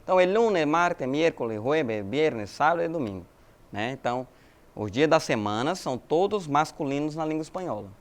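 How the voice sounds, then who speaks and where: A Brazilian Spanish teacher gives a recorded language lesson in a fairly high, animated voice at normal speed. He explains patiently, calls his students "galerinha," and checks in with them using frequent friendly "né" tags.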